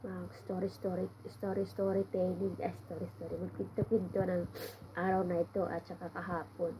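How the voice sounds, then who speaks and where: A woman's voice: lowish voice, flat delivery, normal speed, mellow, a little hiss or hum, rough recording. A woman with a cold-congested voice tells a rambling, casual story at home, sighing often as she complains. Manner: meandering, with frequent sighs of complaint. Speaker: vlogger.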